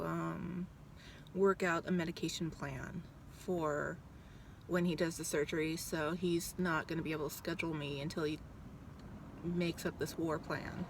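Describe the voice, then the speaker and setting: A woman in her thirties rambles casually in a vlog recorded outside a doctor's office, speaking bluntly, swearing freely, and using lots of ums. Her voice is lowish, with a little hiss or hum in the recording.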